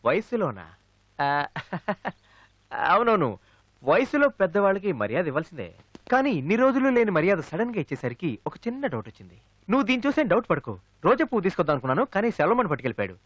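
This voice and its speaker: A man's voice: high-pitched, big pitch swings, quick pace, no room sound, highs cut off, full character voice. An actor playing a cocky young male college student who is in love with his older lecturer, in a dubbed film. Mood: playful teasing. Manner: playful, then loud and indignant.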